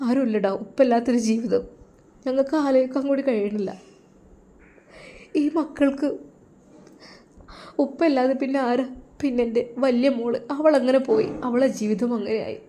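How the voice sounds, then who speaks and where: Woman doing a hushed, tearful middle-aged wife, high voice, storybook drama. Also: steady tone, very fast, few pauses, natural voice. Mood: tearful pleading. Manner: soft, tearful, pleading. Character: grieving middle-aged wife of a sick teacher.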